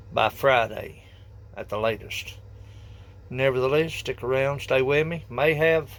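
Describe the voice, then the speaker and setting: A man's voice: mid-range voice, gravelly. A man filming his trapping rounds outdoors, talking in a folksy, plainspoken rural way to his viewers. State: out of breath. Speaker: trapper vlogger. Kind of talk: outdoor vlog narration. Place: outdoors in fields.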